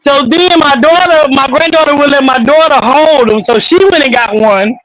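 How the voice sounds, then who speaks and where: A woman's voice: sits high, moderate pace, fairly bright tone, no echo, rough recording. An older woman with grandchildren, telling stories in casual, profane, blunt chat on a live panel.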